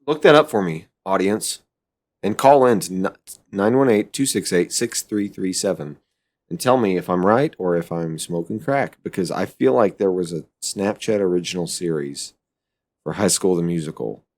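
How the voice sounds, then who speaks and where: Deep-voiced male podcast co-host, halting and casual. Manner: halting, full of restarts and fillers. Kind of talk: casual chat.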